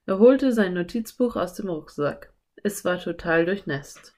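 A woman narrating a children's audiobook in a calm, even storytelling voice. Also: lowish voice, unhurried. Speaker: audiobook reader.

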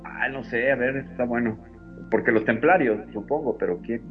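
A man's voice: medium pitch, normal speed. A man with a northern Mexican accent chatting casually as co-host of a radio show, jokey and fond of repeating words. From Sonora, Mexico. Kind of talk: casual live radio chat. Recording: muffled lo-fi online radio with background music. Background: music.

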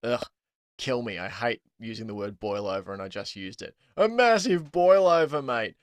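An Australian man hosting a casual sports podcast, chatty and quick to laugh, with plenty of ums. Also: fairly low pitch, fairly even intonation, a bit bright, no echo. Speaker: podcast host.

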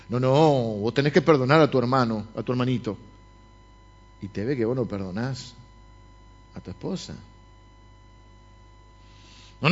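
A man's voice: medium pitch, breathy edge, dull audio. A man with a Rioplatense accent preaching a sermon, speaking directly to his congregation. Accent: Rioplatense Spanish. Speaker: pastor. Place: church service.

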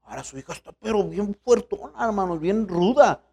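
A man's voice: high voice, lively intonation, fairly quick, a little mellow, husky. A man, a pastor preaching a sermon in a colloquial, storytelling way.

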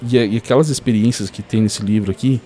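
A man's voice: on the low side, brisk, slight background noise. A man telling a story as a podcast guest, full of fillers like "cara". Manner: animated storyteller, many fillers like "cara" and "assim, ó".

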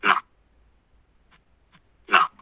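Slow, emphatic Honduran man on a lo-fi recording. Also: pushed and bright, no echo. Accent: Honduran Spanish. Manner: emphatic, indignant, preachy. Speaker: commentator. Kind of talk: opinion monologue.

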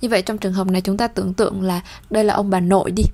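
A woman gives a bilingual language lesson with a voice of ordinary pitch for a woman. She pronounces each French word slowly and clearly, repeating it for learners. Between drills she explains in plain, steady talk. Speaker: French teacher.

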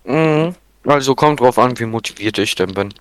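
A man's voice: mid-range voice, animated, moderate pace. A young man chatting casually as a podcast co-host in a blunt, teasing, slangy way. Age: young adult. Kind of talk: casual chat.

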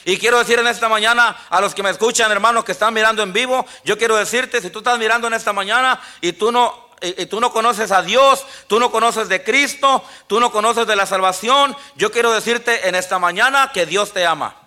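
A male pastor preaching a sermon in a church, quoting scripture and often pausing for "amen, brothers". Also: high voice, bright, forceful tone. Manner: preaching with frequent "amén, hermanos" and quoted scripture. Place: church sanctuary.

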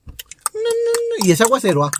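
A man's voice: very high-pitched, wildly swooping pitch, moderate pace, very noisy. A young man, co-hosting a casual podcast and joking through mock-dramatic retellings. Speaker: podcast co-host. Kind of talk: casual chat with playful acting.

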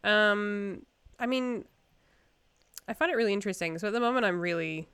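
A woman's voice: medium pitch, normal speed, fairly bright tone, clear, resonant tone, dry recording. A young woman from New Zealand co-hosting a podcast, telling stories in an informal, self-amused way. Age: young adult. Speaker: podcast co-host. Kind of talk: casual conversational storytelling.

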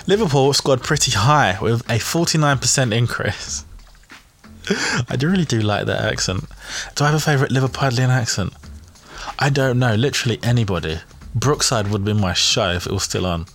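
A man hosting a podcast, chatting in a cheeky, gossipy way and laughing at his own jokes. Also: mid-range voice. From England. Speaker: podcast host. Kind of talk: casual comedic commentary.

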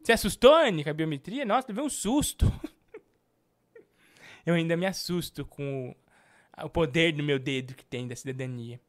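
A man's voice: a little high, expressive, normal speed. A man hosting a live stream, teasing and mock-outraged. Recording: music playing behind.

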